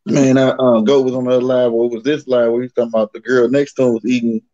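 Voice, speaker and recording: A man joining a casual livestream chat, relaxed and arguing his point. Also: mid-range voice, quick pace, no echo, muffled recording. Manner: relaxed, argumentative. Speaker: guest calling in.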